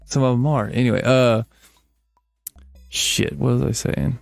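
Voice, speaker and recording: A man's voice: mid-range voice, fairly even intonation, a little slow, vocal fry, no echo, faint music behind. A man rambling casually while playing a game, swearing freely and making fun of himself. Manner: rambling, swears a lot, self-deprecating. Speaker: let's play gamer.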